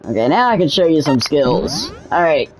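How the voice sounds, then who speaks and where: A woman's voice: low-pitched, sing-song, moderate pace, background noise. A young woman hosting a let's play, rambling casually with a laid-back, self-correcting manner. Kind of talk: casual gameplay commentary. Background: game music.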